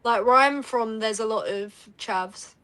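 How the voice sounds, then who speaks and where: Soft-voiced Essex woman. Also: on the high side, unhurried, a little hiss or hum, poor audio. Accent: Essex English. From England. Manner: soft, calming voice. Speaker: psychic guest. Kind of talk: casual podcast chat.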